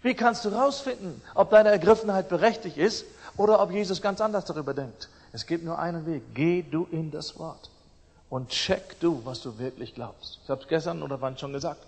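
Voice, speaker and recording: A man preaching a sermon emphatically, swinging between loud declarations and quiet, pointed asides. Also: on the high side, normal speed, long reverb tail.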